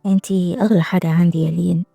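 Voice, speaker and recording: A woman drops her voice to play a young millionaire in a drama recap, protective and quietly intense, with an Egyptian Arabic accent. His lines come out low, soft and gravelly, and he talks fast. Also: little pitch movement, no echo, clean studio sound, faint music behind. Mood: tender.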